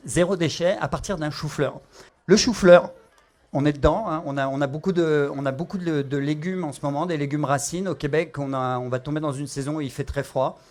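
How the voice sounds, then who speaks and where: Here a middle-aged French chef with a Parisian accent narrates a cooking demo, talking a little fast. His voice is fairly high yet darkish in tone, and he frequently stumbles into fillers and restarts.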